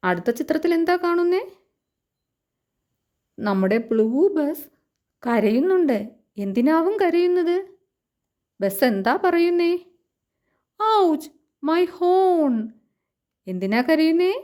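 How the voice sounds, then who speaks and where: A woman with a Malayali accent giving a lesson to young children, reading a storybook in a sing-song way and saying the English lines slowly. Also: sits high, warm tone. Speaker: teacher.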